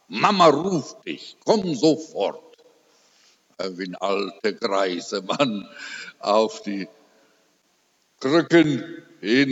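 An older man preaching a personal sermon testimony, telling his story slowly and with emotion, rising to emphatic peaks. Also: medium pitch, breathy edge. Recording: dull recording with long hall reverb.

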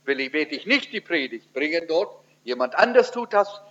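Animated preacher man, lo-fi sermon recording. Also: normal speed. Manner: animated storytelling, pitch swinging widely for emphasis.

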